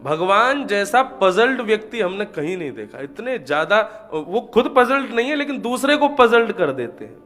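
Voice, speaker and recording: A man's voice: high voice, big pitch swings, normal speed, hardly any pauses, a bit bright, soft background music. A man telling a scripture story in a devotional discourse, voicing the characters and chanting verses.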